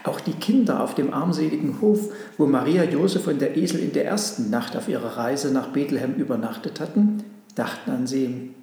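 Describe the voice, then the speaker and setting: A man narrating a storybook in a gentle, measured way. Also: mid-range voice. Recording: echoey hall.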